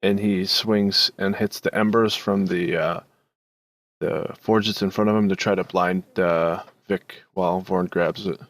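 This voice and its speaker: A man narrating as dungeon master of a tabletop game, halting with many fillers as he describes the action. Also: low voice, steady tone, no echo.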